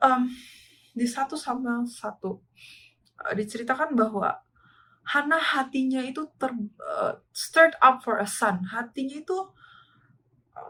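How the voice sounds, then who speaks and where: An earnest woman preaches to a church, her voice sitting a little on the high side. She moves between two languages mid-thought and punctuates each point with a short affirming "ya". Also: measured pace, long pauses, fairly bright tone, poor audio. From Indonesia. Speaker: church speaker. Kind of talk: bilingual sermon sharing.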